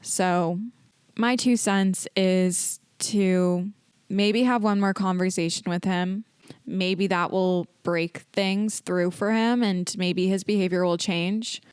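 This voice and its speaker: A woman's voice: on the low side, steady tone, slow pace, a little mellow, smooth, dry recording, studio quality. A young woman hosting a casual advice podcast, speaking earnestly and reassuringly, repeating points for emphasis. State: tearful, emotional. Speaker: podcast host.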